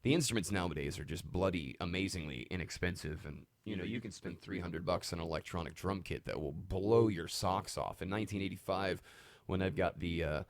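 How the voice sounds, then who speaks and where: A man hosting a live stream from his music studio, rambling excitedly between stories and talk about his gear. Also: low-pitched, fairly quick, no echo.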